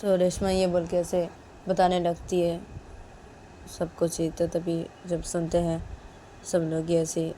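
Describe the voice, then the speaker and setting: A woman narrating a story in a casual, quiet way, linking events with repeated phrases. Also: on the low side, monotone, measured pace, long pauses, a little hiss or hum.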